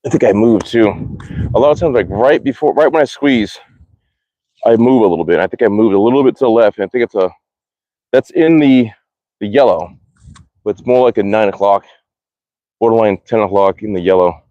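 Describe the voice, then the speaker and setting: Here an archery livestreamer on a phone stream talks from his backyard range in a lowish, warm voice, a little fast but broken by long pauses. Casual and rambling, he restarts often, answers the chat aloud, and mutters curses after bad shots. The recording sounds dry and muffled.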